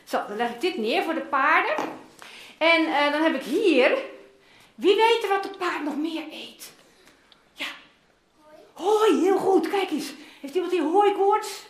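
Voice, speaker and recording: A woman playing a loving old father, animated. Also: very high voice, unhurried, long pauses. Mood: coaxing. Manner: animated, coaxing, talks to the children. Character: loving older father longing for lost son. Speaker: children's Bible teacher. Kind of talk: interactive Bible story role-play for children. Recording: roomy echoing room.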